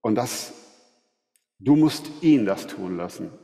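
A man giving a sermon, earnest and measured, asking rhetorical questions. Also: on the low side, expressive, gravelly, dark tone. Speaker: preacher. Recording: long hall reverb.

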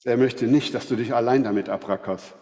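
A man's voice: mid-range voice, dark tone. Man preaching in a reverberant hall. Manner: earnest, measured preaching with rhetorical questions. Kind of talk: sermon.

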